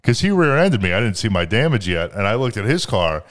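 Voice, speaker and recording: A man in his mid-twenties with a slightly low voice, talking casually on a podcast. He tells the story in a loose, rambling way and swears freely, and the story comes across as lively. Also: a little fast. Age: 20s. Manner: profane, rambling, animated retelling. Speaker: podcast co-host.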